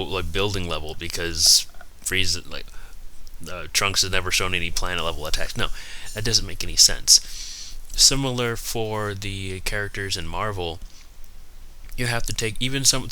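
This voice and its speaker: A man giving casual, unscripted commentary, rambling and haltingly backtracking, with slightly numb-mouthed articulation. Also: lowish voice, bright, forceful tone. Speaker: YouTube video host.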